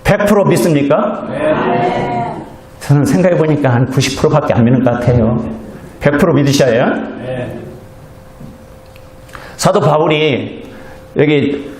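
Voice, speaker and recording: A man's voice: fairly high pitch, normal speed, pauses often, crowd noise. A male Korean pastor preaching a sermon in a church, earnest and conversational, acting out little quoted exchanges with the congregation. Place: church sanctuary. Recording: echoey church hall.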